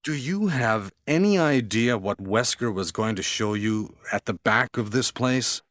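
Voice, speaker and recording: An actor playing a gruff male weapons-expert soldier in a 1990s video game, with stiff, halting line delivery. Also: mid-range voice, expressive, fairly bright tone, no room sound, clean studio sound. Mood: earnest. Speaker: game character. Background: music.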